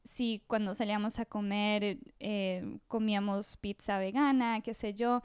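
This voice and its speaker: A Costa Rican woman in her thirties guests on a podcast, telling her story in a casual, chatty interview style full of fillers and frequent restarts. Her medium-pitched voice is steady, unhurried, and a little mellow, with a clear, resonant tone. The recording is dry and studio quality.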